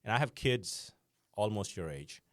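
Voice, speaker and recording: A middle-aged man hosts a podcast interview and reflects aloud on his guest's story, speaking conversationally with frequent fillers. His voice is on the low side. The recording is dry and close. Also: animated, measured pace, a bit bright, no room sound. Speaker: podcast host.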